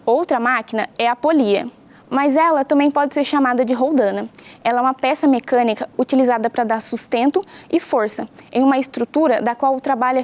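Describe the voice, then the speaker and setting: A young woman from Brazil teaches science to pupils at home, patient and clear in her explanations and ready with questions for them. Her voice rests high and sounds a little mellow.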